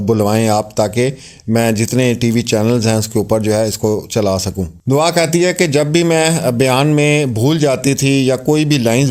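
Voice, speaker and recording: A man's voice: mid-range voice, a little mellow. A man narrating and commenting on a court statement for his viewers, in a conversational style with many fillers.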